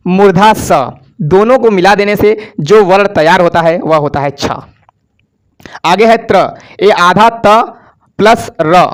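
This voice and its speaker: This grammar lesson for exam preparation comes from a male teacher whose voice sits high. He answers his own questions and gets students to echo sounds back to him.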